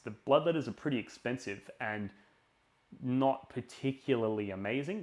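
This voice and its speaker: A man hosting a live stream in an informal, opinionated way, thinking aloud as he chats to viewers. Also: mid-range voice. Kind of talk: casual live stream chat, explaining tabletop game tactics and running a giveaway.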